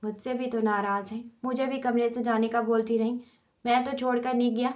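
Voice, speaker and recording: A woman voicing a young husband in a storybook reading, clipped and self-justifying, sitting a little high and staying on a narrow, level pitch. The delivery is sober and controlled rather than loud. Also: level tone, natural voice. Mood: defensive. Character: young husband, tense and defensive.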